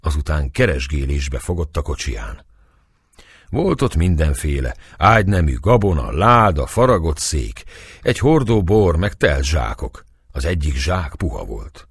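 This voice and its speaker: A man narrating an audiobook with expressive storytelling. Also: rumbling low, slightly rough, no room sound, clean studio sound.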